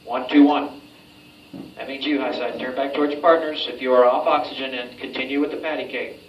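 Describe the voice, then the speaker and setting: A man with a mid-range, steady, fairly quick voice gives a group drill instructions, directive but informal, as a military-style hypoxia training instructor. He's in an enclosed training chamber, and the recording sounds roomy, with a distant mic and clear background noise.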